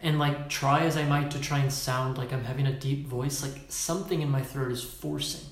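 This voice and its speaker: Leading a Facebook Live talk, a workshop leader speaks emphatically yet casually, swearing now and then and acting out postures as he explains. His voice is fairly high-pitched and reverberant.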